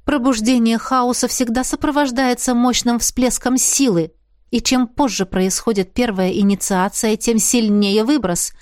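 A woman's voice: fairly high pitch, fairly even intonation, measured pace, darkish tone, dry recording, clean studio sound, close to an everyday voice. A woman voicing a spirited young heroine in an audiobook, asking eager, urgent questions.

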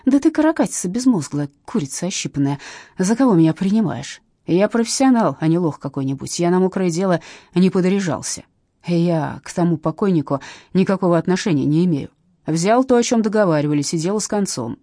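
A woman's voice: on the low side, expressive, a little fast, dark tone, dry recording, clean studio sound. A woman voicing a shifty, thin male crook who hisses crude threats in an audiobook. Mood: angry hissing. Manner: hissing, snarling threats.

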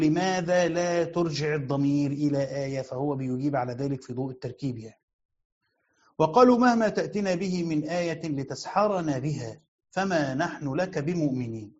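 Egyptian sheikh teaching commentary, lo-fi. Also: male voice, fairly high pitch, darkish tone. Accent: Egyptian Arabic. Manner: asks and answers his own questions, repeats key phrases. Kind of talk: explanatory lecture.

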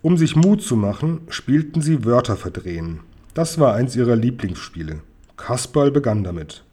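A man reading a children's book aloud to a listener in calm storytelling narration. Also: mid-range voice, moderate pace, slightly rough. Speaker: reader.

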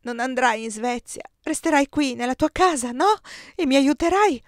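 A woman's voice: expressive, normal speed, dry recording, studio quality. A woman reader voicing a distraught young woman who sobs and pleads desperately. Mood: desperate pleading. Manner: desperate, high-pitched pleading.

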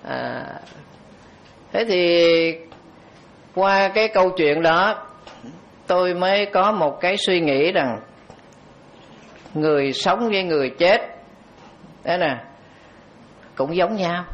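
A Buddhist monk, his voice a little high for a man, recounts a story in a dharma talk, taking it slowly and pausing often. He is animated and conversational, turning to address the audience. The audio sounds dull and lo-fi.

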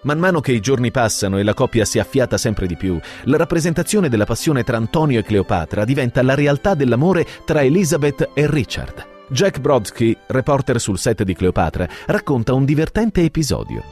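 A man's voice: medium pitch, sing-song, a little fast, hardly any pauses, darkish tone, faint music behind. A man narrating a scripted radio story in a dramatic, storytelling way.

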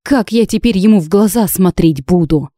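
A flustered young heroine who blurts out exclamations, as a woman reads her. The voice sounds dark and mellow, and the recording is dry. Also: mid-range voice, normal speed, no echo, lightly acted.

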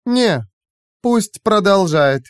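A man's voice: high voice, big pitch swings, unhurried, no room sound, studio quality, voice pushed up. A man voicing a cold, sarcastic female artificial intelligence with a honeyed, mocking manner.

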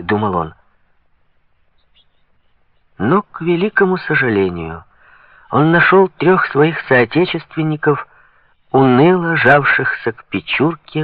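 A man narrating an audiobook in a measured, even reading, in a dull lo-fi recording. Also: lowish voice, no echo. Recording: dull lo-fi sound.

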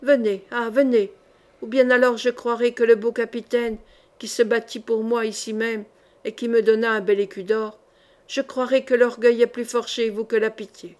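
A woman voicing a pale, timid young woman who speaks softly with a slight tremble, read in an audiobook. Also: fairly high pitch, little pitch movement, normal speed, lightly acted. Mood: pleading.

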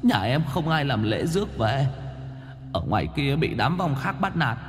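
A man's voice: mid-range voice, big pitch swings, normal speed, big-room sound, voice pushed up, natural voice. A man voicing a timid young male ghost who begs to be spared. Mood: pleading. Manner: begging, whimpering.

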